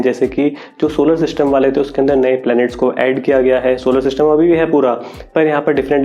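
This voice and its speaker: Mellow-voiced man in a tech vlog. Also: medium pitch. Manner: chatty, relaxed, thinks aloud with fillers. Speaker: tech YouTuber. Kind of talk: casual explainer vlog. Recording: dull lo-fi audio.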